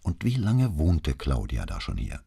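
A courteous middle-aged detective, as a male reader plays him questions a witness gently and patiently. His voice sits very low, dark and mellow, with a husky edge. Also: huge pitch swings, measured pace, heavily acted. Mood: gently probing.

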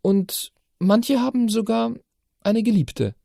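A man's voice: high voice, animated, slow, gravelly, dark tone, no room sound, clean studio sound, voice pushed up, full character voice. A man voicing a curious, argumentative teenage girl in an audiobook, pressing her questions insistently. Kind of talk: audiobook character voice.

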